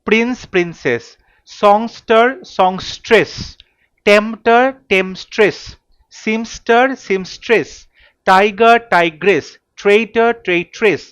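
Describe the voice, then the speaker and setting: A man teaches English grammar in a fairly high voice. He runs through pairs of words like a classroom drill and keeps checking that his students follow. His voice sounds dry and close, with no room around it. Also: no room sound. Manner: lists word pairs in a steady drill, checking in with "ঠিক আছে?".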